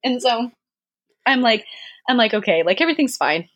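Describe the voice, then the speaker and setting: A woman telling a story in casual chat, animated and laughing often, with many fillers. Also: on the high side, normal speed.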